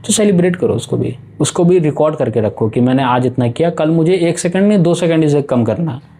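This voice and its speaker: A young man talks to his viewers like a friend, coaching them through a casual self-improvement pep talk. His voice sits a little high for a man but has a mellow, warm tone. He slips English phrases into his talk. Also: animated, brisk, slight background noise. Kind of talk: casual motivational talk to camera.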